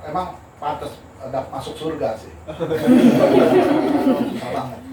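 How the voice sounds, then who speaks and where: Older male architect-lecturer, animated candid storyteller; roomy, noisy, distant recording. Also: fairly high pitch, brisk. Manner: animated, candid, laughs while telling stories. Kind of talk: informal talk with storytelling.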